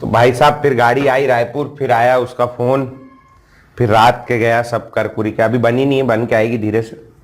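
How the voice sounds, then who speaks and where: Animated male tutor. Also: normal speed. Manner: animated storyteller, voice jumps higher when exasperated. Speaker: chemistry tutor. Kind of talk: storytelling aside in a lecture.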